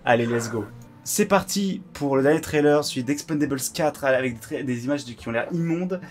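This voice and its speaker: A man hosting a casual reaction show in a blunt, excitable, slangy way. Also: medium pitch, fairly quick, soft background music. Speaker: host.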